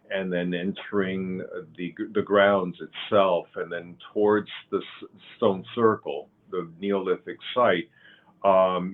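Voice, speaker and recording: Cuban-born man, 60s, very deep and unhurried, halting fillers; thin phone-like audio. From Cuba. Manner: slow, halting, with many fillers and restarts. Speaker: guest, author and pagan high priest. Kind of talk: interview conversation.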